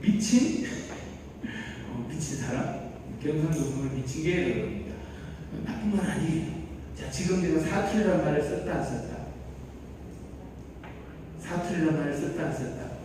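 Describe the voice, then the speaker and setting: A man giving a lively lecture to trainee instructors, questioning the audience and shifting his loudness for emphasis. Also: on the high side, background noise. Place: large lecture hall. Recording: echoey lecture hall, mic at a distance.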